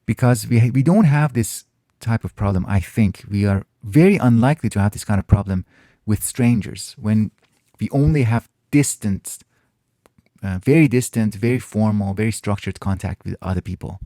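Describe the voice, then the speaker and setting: Dry, close-miked audio catches a low, gravelly, mellow male voice belonging to a native Farsi-speaking host. He reflects casually on viewer questions in a monologue, pausing a lot and beginning phrases again.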